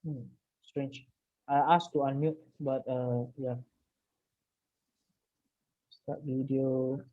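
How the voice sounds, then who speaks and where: A man's voice: mid-range voice, level tone, very slow. Man, thirties, Malaysian accent, Singlish-style lah-filled English with Malay, casual online host, muffled call audio. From Penang, Malaysia. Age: 30s. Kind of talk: casual chat. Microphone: video call.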